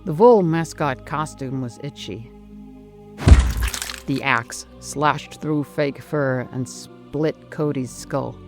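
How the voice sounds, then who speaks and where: Faint music sits under a menacing, dramatic horror narration, delivered slowly and deliberately with theatrical pauses. The mid-pitched voice could be a man's or a woman's.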